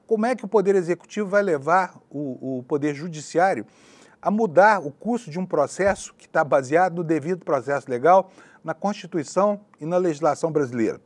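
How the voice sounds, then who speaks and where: A man's voice: on the high side, lively intonation, brisk. A man giving opinionated news commentary from a studio, indignant and sarcastic in a conversational way. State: hoarse after a long broadcast.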